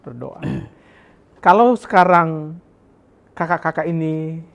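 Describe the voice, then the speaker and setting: A man hosting a talk show, asking his guest questions in a gentle way. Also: a little high, takes it slowly, creaky, highs cut off. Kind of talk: interview questions.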